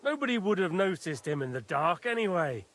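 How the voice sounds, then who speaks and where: An actor playing a snide, spiteful soldier witness in a video game. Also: male voice, high voice, very animated, brisk, a bit bright. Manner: sneering, snide.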